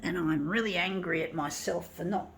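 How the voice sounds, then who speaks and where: In a room with a copier, a woman in her fifties who vlogs talks at a moderate pace in a lowish, gravelly voice. Her rambling, self-mocking monologue turns frustrated and profane, with a little hiss or hum in the audio.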